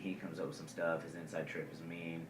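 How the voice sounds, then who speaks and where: In a low, level voice, a man talks fast while co-hosting a casual wrestling podcast, rambling with many ums and uhs. The recording is distant, captured in an echoey room with faint background noise.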